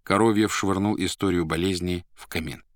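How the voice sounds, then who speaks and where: A man reads a novel aloud in a measured, expressive manner. His voice is very deep, and the recording is dry and close with no room sound. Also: no echo. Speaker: audiobook narrator. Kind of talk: literary audiobook narration.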